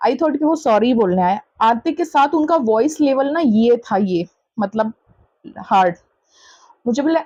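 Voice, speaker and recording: A woman's voice: high-pitched, warm tone, no echo, highs cut off. A woman, a mother, telling a vlog story about an upsetting incident in an indignant, casual way. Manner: indignant, recounting an incident with quoted dialogue. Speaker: vlogger, mother.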